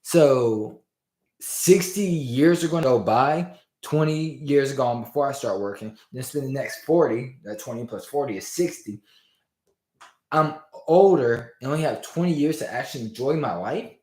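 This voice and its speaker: Speaking at a moderate pace in a medium-pitched voice, a male business coach pumps up his livestream audience with casual motivational talk. His voice is slightly strained from having gone hoarse, the room echoes, and he keeps things lively and informal with "y'all" and "fam."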